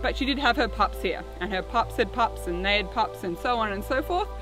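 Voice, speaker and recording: A woman's voice: mid-range voice, expressive, a little fast, over music, poor audio. A woman with an Australian accent gives a friendly, educational zookeeper talk, explaining things simply. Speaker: zookeeper, dingo keeper presenting. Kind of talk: educational keeper talk to camera.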